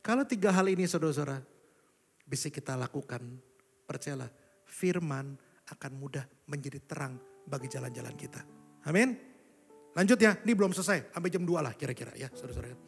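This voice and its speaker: A young man preaching a sermon, animated, switching between loud exclamations and low asides, often addressing the congregation. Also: a little fast, gravelly, long pauses. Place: large church hall. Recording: live church recording with long reverb and faint music.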